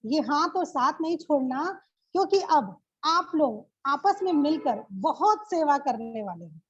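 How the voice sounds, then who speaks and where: A woman quoting a gentle, fatherly male spiritual guide in a slow, tender, reassuring way. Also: high voice, sing-song, slight background noise. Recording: muffled lo-fi recording.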